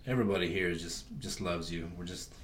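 A man's voice: low-pitched, a little fast, a little hiss or hum. A man hosting a casual chat, speaking in an affirming way as he closes the show. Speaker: host.

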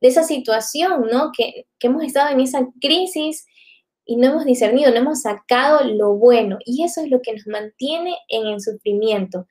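A woman's voice: sits high, moderate pace, darkish tone. A woman giving a reflective live faith talk to viewers, often tagging her sentences with "¿no?". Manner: reflective, many filler tags like "¿no?".

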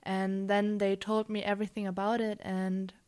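A woman's voice: mid-range voice, flat delivery, moderate pace, darkish tone, clear, resonant tone. A young woman from Germany speaking English as a second language, answering interview questions hesitantly with many fillers. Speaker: interview guest. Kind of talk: casual interview.

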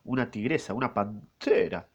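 A man's voice: medium pitch, expressive, moderate pace, gravelly, dull audio. A man with an Argentine accent voicing a brash, panicked young swordsman who swears casually. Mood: agitated. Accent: Argentine Rioplatense Spanish. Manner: swears casually, uses vos.

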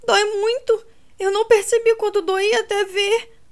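A woman reader voicing a young woman with a broken leg, crying out in shrill, breathless panic. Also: flat delivery, normal speed. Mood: panicked pain. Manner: shrill, breathless cries of pain.

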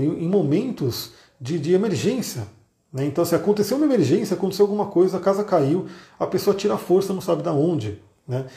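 A man's voice: a little high, vocal fry, dark tone, echoey room. A man hosting a casual live stream as an astrologer, explaining things patiently and often adding tag questions to check in with listeners.

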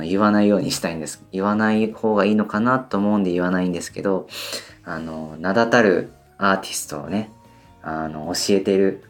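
Talking solo in a casual radio-style monologue, a twenty-something band member meanders through his thoughts with lots of hesitant fillers, deliberately pushing his voice higher than it normally sits.

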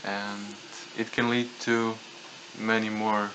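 A man's voice: fairly low pitch, little pitch movement, slow pace, pushed and bright, rough recording. A young man with a Latvian accent speaks as a guest in a casual podcast discussion. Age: young adult. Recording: clear background noise, room ambience.

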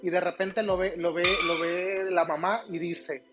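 A man with a fairly high voice co-hosts a casual podcast. He explains how children behave and builds hypothetical scenes to make his point. Faint music runs behind him. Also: flat delivery, measured pace. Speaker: podcast co-host giving parenting advice.

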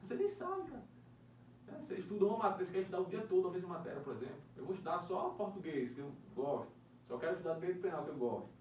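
A man's voice: high voice, racing. A man chatting casually about exam prep, telling stories with plenty of swearing. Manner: profane, animated storytelling. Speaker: podcast co-host. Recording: roomy, distant mic, faint noise.

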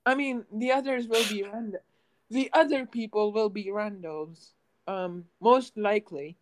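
A woman's voice: mid-range voice, measured pace, slight background noise, poor audio. A nineteen-year-old woman chatting casually to her viewers, rambling with lots of ums and restarts. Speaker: gaming channel host.

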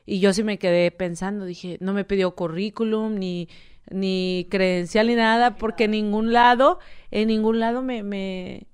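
A woman with a Mexican Spanish accent tells her story in a candid, casual way. Her voice is smooth and clear, and she sits at a middle pitch. She animates her account by acting out the people she quotes. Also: fairly even intonation, a little slow. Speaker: guest telling her story.

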